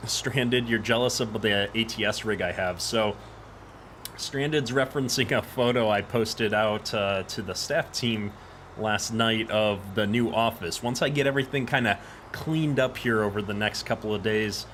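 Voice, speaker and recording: A man's voice: on the low side, normal speed, a bit bright. A man hosting a casual game live stream, easygoing and chatty, in an echoey room. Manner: easygoing, chatty greetings to viewers. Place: echoey home office. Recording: echoey room, clear background noise.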